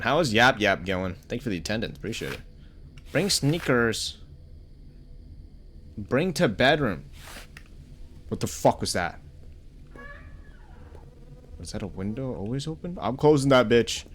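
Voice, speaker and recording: Casual game-stream commentary from a young-sounding man, lively pitch, lots of swearing. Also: measured pace, pauses often, a little hiss or hum. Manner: chatty, cursing, greets chat between reactions.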